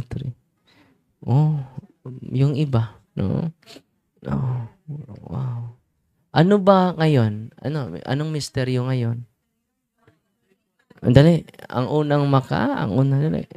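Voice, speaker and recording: Slow-talking priest quizzing his crowd. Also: mid-range voice, vocal fry, warm tone, dry recording. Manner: teasing, asks the crowd quick questions. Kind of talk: lively sermon with audience questions.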